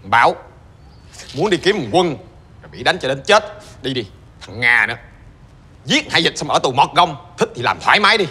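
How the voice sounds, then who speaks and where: An actor playing a gravely ill older brother, quiet, resigned and curt. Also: male voice, fairly high pitch, sing-song, moderate pace, pauses often, full character voice. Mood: weary cold.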